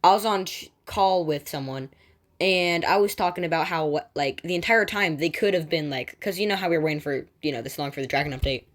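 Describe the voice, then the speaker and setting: A woman with a notably deep voice hosts a gaming channel in a loose, casual way. She reads news aloud, then drifts into excitable tangents, restarting sentences and padding them with filler words. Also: fairly quick. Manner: excitable, jumps between reading and personal asides. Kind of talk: casual commentary while reading game news aloud.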